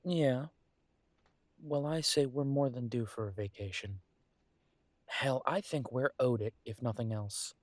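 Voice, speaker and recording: A man voices an affectionate, world-weary werewolf detective in an intimate audio drama, sounding soft and coaxing with thoughtful pauses. His medium-pitched voice is natural, with no room sound.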